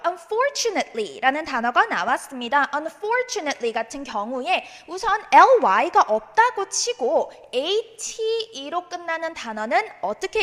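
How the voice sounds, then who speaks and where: Lively-voiced woman teaching pronunciation. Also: high voice, long reverb tail. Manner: drills pronunciation, models words slowly and has students repeat. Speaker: English speaking test teacher. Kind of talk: recorded exam-prep lecture.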